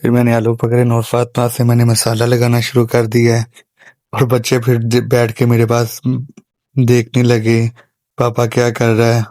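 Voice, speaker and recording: A father tells a family vlog in a steady voice-over, walking through the day step by step. His pitch barely moves and stays near a monotone at a middle height. The sound is dry and close, with no room in it. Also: moderate pace, no room sound. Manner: plain step-by-step recounting. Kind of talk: voice-over storytelling.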